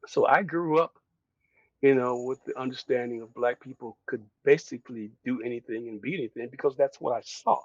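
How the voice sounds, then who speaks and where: An older man from Detroit, a guest who reflects on his upbringing in an unhurried, storytelling way, with frequent chuckles. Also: medium pitch, no room sound, dull audio. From Detroit, USA. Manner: reflective storyteller, chuckles often, restarts phrases. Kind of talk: relaxed career interview.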